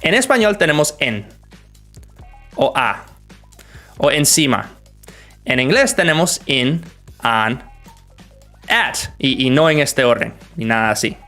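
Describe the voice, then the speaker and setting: A young American man from the northern US runs a casual livestream Q&A, teaching English in an easygoing, friendly way. His voice sits at an ordinary middle pitch, and faint music plays under his talk. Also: slow pace, long pauses. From northern United States. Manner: relaxed, greets viewers by name, explains with examples. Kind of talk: livestream Q&A, bilingual.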